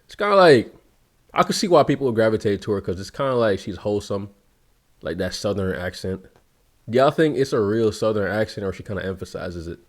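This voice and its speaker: A man's voice: fairly low pitch, lively intonation, fast. A man reacting to a video with casual, crude, mocking jokes and frequent laughter.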